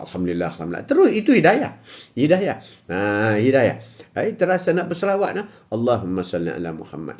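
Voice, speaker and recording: Hosting a religious talk streamed live, an older Malaysian man with a Malay accent answers comments from viewers in a high voice with a darkish tone. He repeats himself emphatically and drops in frequent "ha" interjections.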